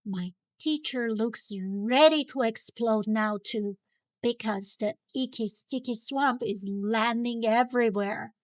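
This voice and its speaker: Female children's story narrator, high voice, unhurried pace, exaggerated cartoon intonation, dramatic delivery. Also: dry recording. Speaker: storybook reader. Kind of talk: animated children's read-aloud narration.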